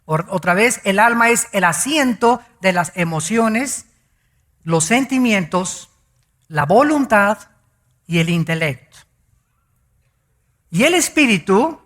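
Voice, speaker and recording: A male pastor preaching a sermon emphatically, drawing out key words slowly and telling the congregation to write things down. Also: high-pitched, a bit bright. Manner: addresses the congregation directly, asking them to note things down.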